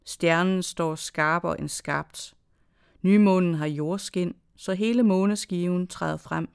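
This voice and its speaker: Creaky, smooth-voiced literary reader. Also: mid-range voice, dry recording, studio quality. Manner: slow, measured reading with short phrases and pauses. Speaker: reader of own prose. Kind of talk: literary reading of dated diary entries and a short story.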